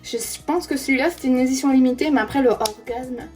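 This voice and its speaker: Over soft background music, a beauty vlogger in her twenties talks quickly in a high voice with a darkish tone. Indoors, she chats through a makeup tutorial on a friend's face, saying "hop" as each product goes on.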